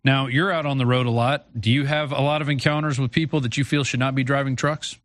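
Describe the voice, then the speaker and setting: A man's voice: medium pitch, fairly even intonation, fast, fairly bright tone, no echo. American male talk show host, dry close sound. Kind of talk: informal talk radio monologue and call-in.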